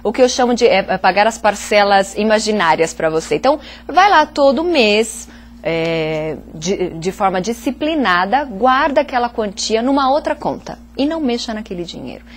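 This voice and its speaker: A woman's voice: mid-range voice, big pitch swings, normal speed, a little hiss or hum. Patient woman giving money tips. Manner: patient, explanatory, many fillers. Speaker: finance guest. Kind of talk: advice on a TV talk show.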